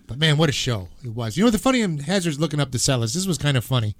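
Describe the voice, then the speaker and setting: A man's voice: fairly high pitch, sing-song, rapid-fire, no echo. A male radio co-host with a slightly raised voice, talking eagerly and rambling through stories. He sits close to a studio microphone in a dry, dead-sounding room. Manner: enthusiastic, rambling, hesitant fillers. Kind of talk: casual radio chat.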